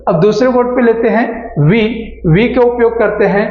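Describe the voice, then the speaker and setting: High-voiced man teaching in an echoey room. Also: highs cut off. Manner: slow, drawn-out English examples, asking and answering his own questions. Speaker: English teacher. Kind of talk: spoken English lesson for beginners.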